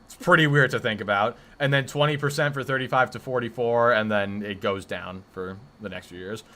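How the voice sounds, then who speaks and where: Talking briskly in a bright, forceful tone, a deep-voiced twenty-year-old runs a casual live stream. He rambles as he jokes back at his chat, feigning defensiveness.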